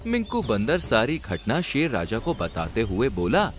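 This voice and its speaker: A man's voice: medium pitch, measured pace, faint music behind. A man narrating a children's cartoon story expressively. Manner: expressive and lively.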